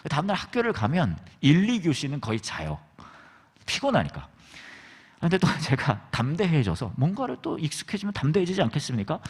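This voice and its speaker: A man preaching a humorous sermon, telling stories from his school days and acting out the people in them. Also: mid-range voice. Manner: lively, joking, acts out quoted people. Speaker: pastor. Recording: long reverb of a large hall.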